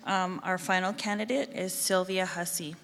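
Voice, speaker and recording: A woman's voice: fairly low pitch, fairly even intonation, moderate pace. A woman moderating a convention, announcing the next speakers. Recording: distant mic in noisy hall with crowd.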